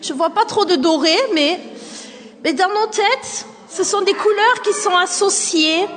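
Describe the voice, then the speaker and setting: A high-pitched woman with a faint southern French accent leads a group with questions. She repeats the answers back to them. Her voice carries a long hall reverb. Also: a little slow, a bit bright. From southern France, near Nîmes. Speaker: speaker leading a group activity. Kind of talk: lively group talk with questions.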